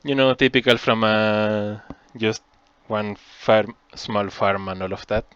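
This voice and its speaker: A man narrating as game master, describing scenes in a slow, casual way. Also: lowish voice, flat delivery, a bit bright, clean tone, no echo, highs cut off.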